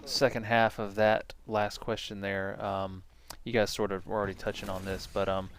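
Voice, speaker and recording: A man's voice: lowish voice, level tone, normal speed, a little hiss or hum. A man hosting an interview, asking questions hesitantly with fillers. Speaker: interviewer, host.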